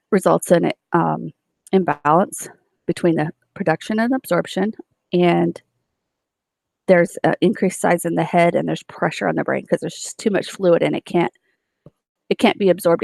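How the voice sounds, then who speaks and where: A woman instructor walks students through course material, pausing on fillers and correcting herself mid-word. Her voice sits low with a gravelly edge. The recording is dry and close. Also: a little mellow, dry recording. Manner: explanatory, with frequent fillers and self-corrections. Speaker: nursing instructor. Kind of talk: recorded lecture.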